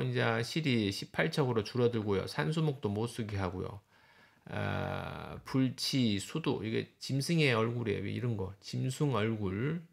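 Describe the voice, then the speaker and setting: A man's voice: medium pitch, vocal fry. A male university professor giving a classroom lecture, walking through slides and pointing things out with short explanatory remarks.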